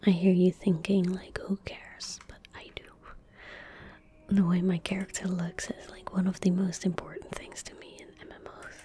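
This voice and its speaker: Whispering close to her desk microphone, a young adult ASMR gaming streamer offers gentle, breathy, soft-spoken commentary on a game. Her voice is lowish, and a little hiss or hum sits in the recording. She's at a desk indoors, with keyboard typing and mouse clicks in the background.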